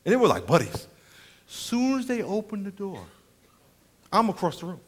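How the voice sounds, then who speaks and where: A pastor with a high-sitting voice preaches a sermon at a moderate pace, telling comic travel stories. He's an animated storyteller who acts out voices and laughs along often.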